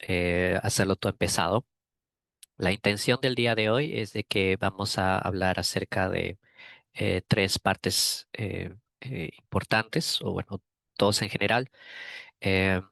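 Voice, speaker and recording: A man from Peru giving a technical webinar talk over a video call, measured and with frequent fillers. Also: low-pitched, vocal fry, fairly bright tone, dry recording. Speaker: guest speaker.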